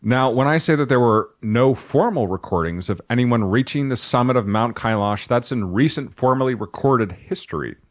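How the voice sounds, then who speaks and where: A man's voice: medium pitch, expressive, moderate pace, hardly any pauses. A man co-hosting a podcast, reading from his notes in a casual, jokey way and breaking off for asides. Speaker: podcast co-host.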